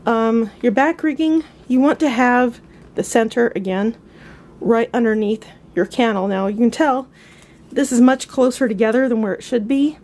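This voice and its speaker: A woman's voice: fairly high pitch, moderate pace, darkish tone. A woman giving a casual, upbeat riding lesson, chatty and full of asides, now and then coughing. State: coughing at times. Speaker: riding instructor. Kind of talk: casual instructional demonstration.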